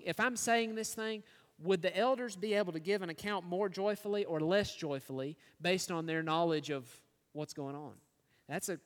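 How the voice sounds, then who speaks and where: A man preaching a sermon, teaching earnestly and asking his listeners rhetorical questions. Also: high-pitched. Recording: long hall reverb.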